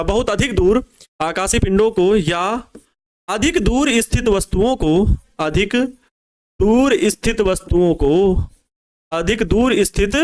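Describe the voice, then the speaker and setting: High-voiced man dictating a physics lesson. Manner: repeats key phrases slowly for dictation, coaxing students; casual asides calling students babua and babu. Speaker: physics teacher. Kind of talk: board exam crash course lecture.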